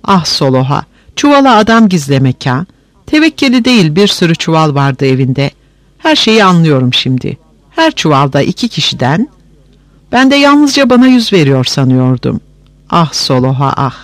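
A man's voice: on the high side, big pitch swings, moderate pace, fairly bright tone, no room sound. A man voicing a sly, mocking older village man in a read-aloud story, teasing and gloating. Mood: lamenting.

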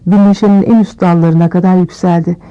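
Mellow-voiced woman reading a story. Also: steady tone, quick pace, dull audio. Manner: reads all characters with small pitch shifts. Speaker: audiobook reader. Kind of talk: scripted narration.

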